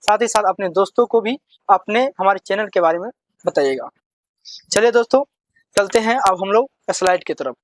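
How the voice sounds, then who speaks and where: A man's voice: sits high, lively intonation, dry recording. A man teaching children to read, asking a question and answering it himself in call-and-response drills. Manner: talks to children, slow and repetitive. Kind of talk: lesson, drilling letters.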